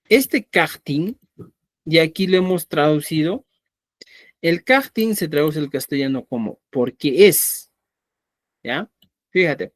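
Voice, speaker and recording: Here the male Quechua instructor has a fairly high pitch. Teaching online in real time, he explains things patiently and keeps checking in with a repeated "¿ya?", and the audio is clean studio sound without echo.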